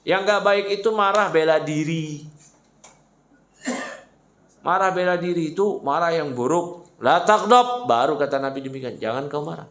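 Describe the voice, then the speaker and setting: A man's voice: on the high side, moderate pace, long pauses, fairly bright tone, roomy sound. A man preaching a mosque study sermon, emphatic and fired up, firing rhetorical questions at his listeners and slipping in mocking asides. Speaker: Islamic preacher.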